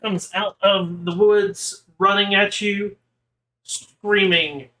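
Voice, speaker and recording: A man narrating a tabletop game as game master, describing with halting pauses and fillers. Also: high voice, level tone, bright, forceful tone, rough recording.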